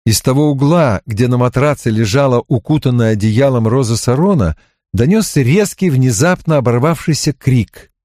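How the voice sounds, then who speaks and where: A man narrating a novel as an audiobook in an expressive, measured reading. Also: medium pitch, dry recording, clean studio sound.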